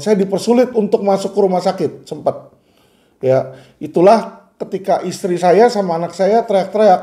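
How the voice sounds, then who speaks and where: A man's voice: high-pitched, mellow. A man, a lawyer talking earnestly and emphatically to his viewers in a casual way.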